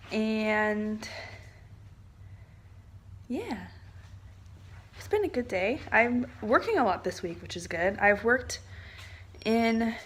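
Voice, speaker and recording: A woman's voice: medium pitch, a bit bright, breathy edge. Chatty young woman vlogging. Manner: rambling, chatty, frequent "like" and "um". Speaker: vlogger, military spouse. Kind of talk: casual chat to camera.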